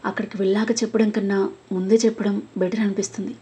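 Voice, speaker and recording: Woman as a sad, gentle older sister, soft husky voice, storybook tone. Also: mid-range voice, little pitch movement, fast talker. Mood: sad resolve. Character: young woman, burdened, caring elder sister.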